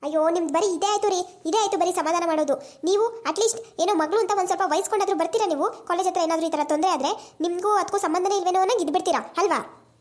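A woman's voice: very high-pitched, very fast. A woman playing a hot-tempered, protective mother who scolds her husband in an amateur village family drama. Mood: exasperated. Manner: scolding, exasperated. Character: fiery protective mother, quick to anger.

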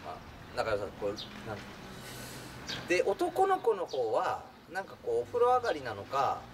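Animated man telling a story from far off. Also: a little high, normal speed. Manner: animated, acts out voices in the story, laughs while telling. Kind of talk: casual anecdote telling. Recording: distant mic with clear background noise.

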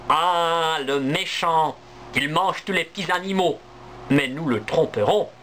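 A man's voice: fairly high pitch, measured pace, bright, forceful tone, a little hiss or hum. A man voicing a kind, protective mother squirrel who speaks in a reassuring way. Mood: kindly.

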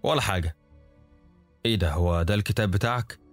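A man voicing a courteous, mysterious engineer in his fifties with an Egyptian Arabic accent, calm and knowing. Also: on the low side, fast, faint music behind, lightly acted. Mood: polite. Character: smiling middle-aged male engineer, polite and mysterious.

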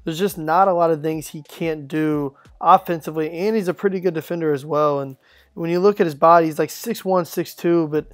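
A man giving a measured, analytical assessment of a high school basketball player in an interview. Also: fairly even intonation, dry recording, clean studio sound. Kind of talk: interview commentary.

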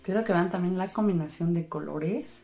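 A woman narrates a casual hands-on craft demonstration as the host. Her voice sits a little low for a woman, yet her delivery is sing-song, enthusiastic and welcoming. Faint music plays behind her. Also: brisk, dark tone. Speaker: host of a slime channel.

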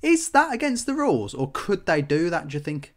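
A podcast co-host chats casually in a sing-song voice, talking a little fast. He's a chatty storyteller who tells anecdotes, laughs along, and puts on squeaky voices whenever he quotes someone.

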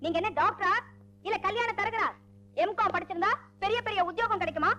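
An actress playing a spirited, headstrong young woman in a Tamil film who talks in a quick, pert and demanding way. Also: extremely high pitch, sharp tone. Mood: challenging. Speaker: female lead. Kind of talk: 1980s Tamil film acting.

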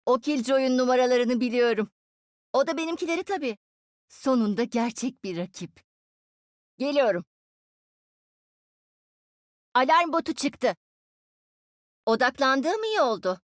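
A woman's voice: high voice, big pitch swings, measured pace, pauses often, no room sound, studio quality. A woman voicing a cheeky, smug young female inventor and genius in dubbed game voice lines, teasing her teammates playfully. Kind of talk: Turkish game dub voice lines.

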